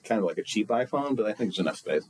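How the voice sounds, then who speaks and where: A man on a podcast as a guest, chatting casually and telling stories with lively, exaggerated quoted voices. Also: fairly low pitch, very fast, breathy edge. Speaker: guest library official.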